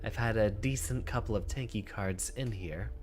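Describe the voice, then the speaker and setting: A man's voice: fairly low pitch, normal speed. A man giving casual commentary as he plays a card game, boastful and thinking aloud. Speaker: streamer playing a card game. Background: music.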